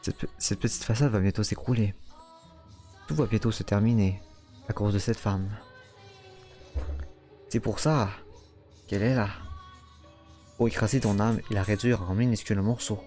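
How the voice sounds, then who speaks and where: Man doing a cold taunting inner voice, goading, slow, game dialogue. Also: lowish voice, fairly even intonation, warm tone, soft background music, lightly acted. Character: mocking male inner voice, cruel, goading.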